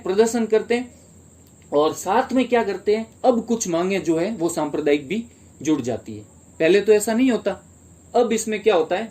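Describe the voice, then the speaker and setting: A man's voice: high voice, a little mellow. A man teaching a history lesson for exam prep in Hindi, explaining step by step and asking and answering his own questions.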